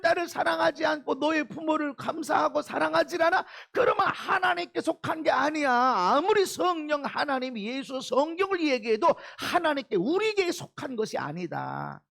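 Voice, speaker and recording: A man's voice: very high-pitched, vocal fry, fairly bright tone. A man preaching a sermon as a pastor, emphatic, throwing out rhetorical questions and calls of amen. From South Korea. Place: church sanctuary.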